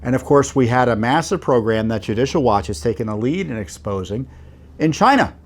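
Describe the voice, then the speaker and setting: A man's voice: medium pitch, expressive, a little fast. Middle-aged man giving spoken commentary. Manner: conversational, with many fillers and rhetorical questions. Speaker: host. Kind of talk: commentary to camera.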